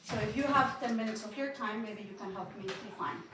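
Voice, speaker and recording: A young woman from Mexico and Austria, a native Spanish speaker, nervously reads a personal talk to an audience at a building inauguration, her shaky voice broken by small laughs. Her mid-range voice moves fairly quickly. The echoey event hall is noisy, and she stands far from the mic.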